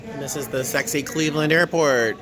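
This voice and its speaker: A man's voice: fairly high pitch, fairly quick, a crowd in the background. A tired man chatting casually to his handheld camera as a flight attendant vlogger, recorded in an airport terminal. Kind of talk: casual vlog chat to camera. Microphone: handheld camera at arm's length. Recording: clear airport background noise.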